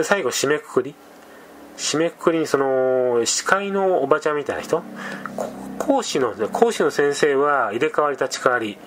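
A man's voice: medium pitch, fairly bright tone, slight background noise. A man telling a scary story in a casual, rambling way, with conversational asides. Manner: rambling, many fillers and restarts, conversational asides.

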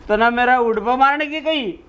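A man's voice: very high voice, clean tone, dull audio, heavily acted. A man with a Haryanvi accent playing a brazen drunken village son-in-law in a comedy skit, rambling argumentatively like a town drunk. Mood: belligerent. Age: young adult. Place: open concrete house courtyard, outdoors.

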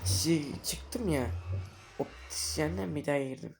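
A man giving casual gameplay commentary, exasperated, swinging between low grumbling and loud outbursts. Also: measured pace, vocal fry, music in the background. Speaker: gameplay streamer.

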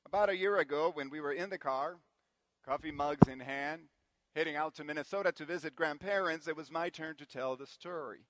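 A man from Guatemala delivers a sermon in a church, weaving family stories into it with light, self-deprecating humor. His voice sits somewhat high for a man. The sound is close and dry, with little room echo. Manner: warm anecdotal storytelling with gentle self-deprecating humor. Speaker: preacher. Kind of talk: sermon with personal storytelling.

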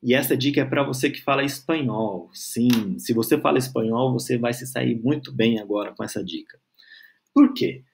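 A man's voice: mid-range voice, gravelly, darkish tone, slight background noise. A man teaching a grammar lesson, patiently stretching out syllables and checking in with the learner. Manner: patient, spells out syllables slowly, frequent "tá?" and "certo?" checks.

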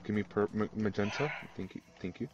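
Low-voiced excitable gamer guy, muffled mic. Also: brisk. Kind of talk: casual group voice chat while gaming.

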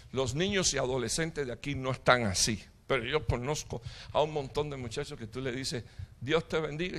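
A middle-aged man preaching a sermon as pastor, with impassioned preaching, sudden loud outbursts and jokes with the congregation. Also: a little high. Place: church hall.

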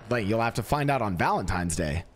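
Playful man with a lively, swooping voice. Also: on the low side, a little hiss or hum. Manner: teasing, playful salesman patter. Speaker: roleplay character playing a Cupid. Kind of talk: in-character game roleplay.

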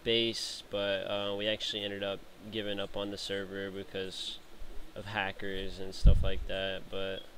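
A man's voice: low voice, monotone, unhurried, hardly any pauses, a bit bright, a little hiss or hum, low-quality recording. A man narrating a casual game-building tutorial over footage, rambling with lots of fillers and restarts.

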